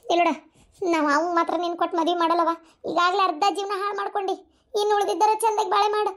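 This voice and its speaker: A woman's voice: very high-pitched, level tone, quick pace, a bit bright. A woman voicing a distraught middle-aged village mother in a cartoon, scolding and wailing in a North Karnataka Kannada accent. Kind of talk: cartoon voice acting.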